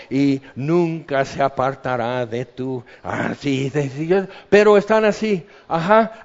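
A man preaching a sermon, joking and acting out little scenes in different voices. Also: high-pitched. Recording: dull lo-fi sound.

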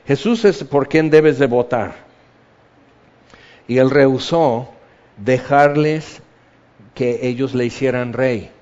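A man's voice: medium pitch, slow pace, long pauses, a little mellow, dull audio. A man preaching a sermon in a conversational way, often acting out the people he quotes. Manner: conversational, acts out quoted voices.

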